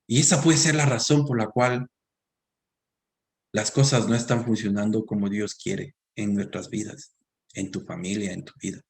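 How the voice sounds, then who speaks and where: This sermon comes from a gravelly-voiced man with a Latin American Spanish accent who keeps a steady tone and moderate pace. He reads scripture aloud, speaks directly to the congregation, and alternates loud emphatic bursts with quiet low asides.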